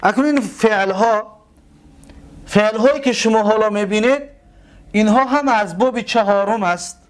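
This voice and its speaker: High-voiced man teaching grammar. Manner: slow, drawn-out repetition of word forms. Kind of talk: grammar lesson.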